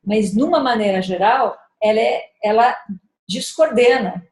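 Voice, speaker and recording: A middle-aged woman speaking thoughtfully about raising children, often pausing and restarting as she searches for words. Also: a little high, darkish tone, reverberant. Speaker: speaker at a parenting gathering. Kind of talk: reflective talk with personal story.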